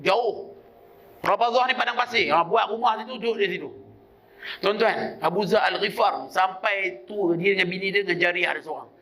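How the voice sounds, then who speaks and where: A male preacher with a Malaysian Malay accent tells stories animatedly in a mosque sermon and often bursts into loud emphasis to address the congregation. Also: sits high, normal speed, creaky. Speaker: religious preacher. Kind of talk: evening mosque sermon with storytelling.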